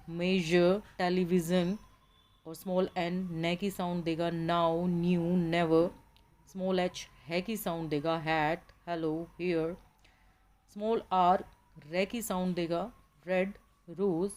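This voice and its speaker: Lower-pitched woman teaching phonetics slowly. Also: darkish tone, slight background noise. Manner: slow, deliberate listing of example words. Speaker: English teacher. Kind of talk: classroom lesson on phonetics.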